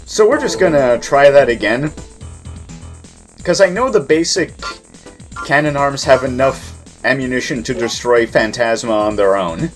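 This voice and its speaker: A man's voice: medium pitch, lively intonation, a little slow, soft background music. A man giving explanatory gameplay commentary, putting emphasis on key words as he plays. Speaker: game player and commentator.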